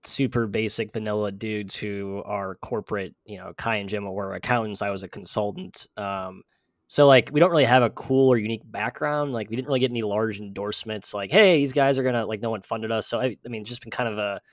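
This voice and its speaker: A man's voice: lowish voice, fairly even intonation, brisk, no room sound, studio quality. A man with a nasal voice, a guest on a casual podcast, rambling and self-deprecating with many fillers. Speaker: podcast guest, sports writer.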